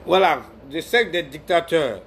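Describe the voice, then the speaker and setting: A man's voice: fairly high pitch, moderate pace, a little hiss or hum. A man in a casual political discussion, arguing his case and repeating his points. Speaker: political commentator.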